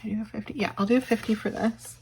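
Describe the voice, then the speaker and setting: A woman hosting a budgeting vlog, counting bills aloud and thinking out loud while losing her voice. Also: on the high side, steady tone, very fast, a little hiss or hum, rough recording. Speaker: budgeting channel host. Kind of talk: casual counting-along vlog.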